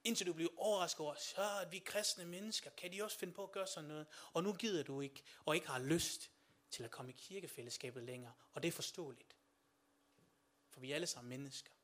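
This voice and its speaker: A man preaching a sermon, speaking to listeners directly with questions and swinging from quiet passages to loud, rising shouts. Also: on the high side.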